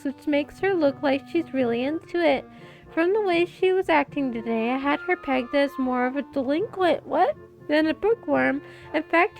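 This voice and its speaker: A woman reading a visual novel aloud into a headset mic, with animated asides and quick reactions. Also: high-pitched. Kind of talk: reading game text aloud with commentary. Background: faint game music.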